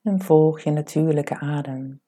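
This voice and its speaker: A woman leading a guided meditation in a soft, breathy voice, giving calm, soothing instructions with unhurried pauses. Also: low voice.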